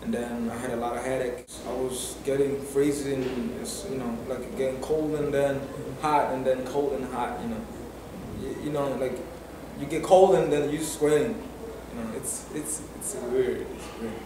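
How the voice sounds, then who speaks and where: A nineteen-year-old man speaks at an ordinary pitch and keeps circling back with fillers. The mic sits far off in a very echoey room, and a clear hum of noise runs behind him. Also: steady tone, normal speed. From Tanzania. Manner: hesitant, many fillers and restarts. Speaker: interviewee. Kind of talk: personal story for a documentary.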